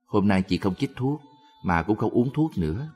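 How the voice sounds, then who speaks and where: A calm, peaceful woman in her thirties at the end of her life, read by a man. She speaks quietly and evenly in a very low voice, with long hall reverb around it. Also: moderate pace, breathy edge. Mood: serene.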